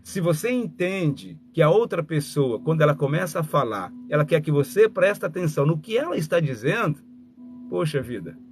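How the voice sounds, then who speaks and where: Male mentor, motivational live talk, bouncy and expressive, on the high side. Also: moderate pace, faint music behind. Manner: animated, acts out little dialogues, speaks straight to listeners. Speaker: communication mentor and speaker.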